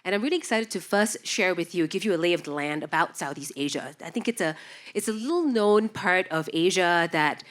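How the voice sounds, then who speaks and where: On a festival stage, a woman moderator introduces a panel through a stage microphone, upbeat and listing facts with plenty of fillers. Her voice is on the low side, with lively intonation and a slightly fast pace. She was born in Indonesia and raised in Singapore.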